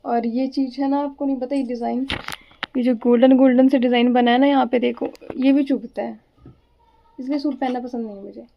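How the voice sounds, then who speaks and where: A woman's voice: sits high, fairly even intonation, a little fast, creaky, muffled recording, slight background noise. A young woman chatting casually to her viewers in a vlog, confiding and talkative. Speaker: vlogger and home tuition teacher.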